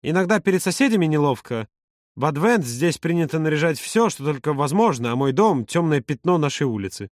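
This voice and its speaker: A man voicing a lively, teasing young man in an audiobook, pitched higher than his narration. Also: a little fast, dry recording, studio quality. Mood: cheerful. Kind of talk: audiobook character voice.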